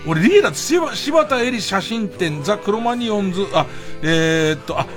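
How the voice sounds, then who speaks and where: A man's voice: sits high, lively intonation, moderate pace, fairly bright tone, soft background music. A man hosting late-night radio in a casual comic monologue, rambling with asides and exclamations.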